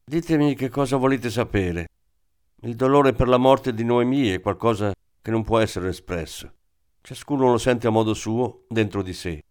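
A man reading the lines of a brisk, matter-of-fact middle-aged woman school tutor in an audiobook. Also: mid-range voice, a little mellow, smooth, natural voice.

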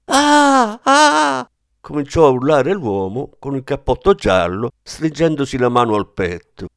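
A man's voice: medium pitch, very animated, moderate pace, dry recording. Man narrating a story, dry close sound. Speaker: audiobook narrator. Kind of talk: scripted narration.

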